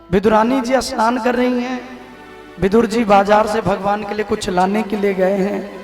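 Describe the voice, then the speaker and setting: A man with a North Indian accent gives a devotional sermon in a high, ringing voice. He exhorts the crowd and asks them to call back louder. The hall is roomy, with soft music faintly beneath him. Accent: North Indian, Vrindavan. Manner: exhorting, calls on audience to respond. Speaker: Bhagwat katha preacher.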